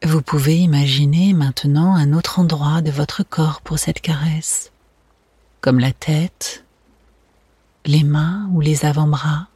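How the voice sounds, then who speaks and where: A meditation guide speaking in a soft, soothing, breathy spa whisper, gently narrating a relaxation exercise. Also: medium pitch, steady tone, takes it slowly, no room sound. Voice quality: breathy, hushed.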